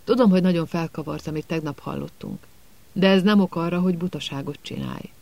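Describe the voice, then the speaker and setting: A man's voice: a little high, gravelly, dry recording, lo-fi sound. A man reading Hermione, an anxious earnest schoolgirl. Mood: worried. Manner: pleading, worried. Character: teenage girl, anxious, earnest.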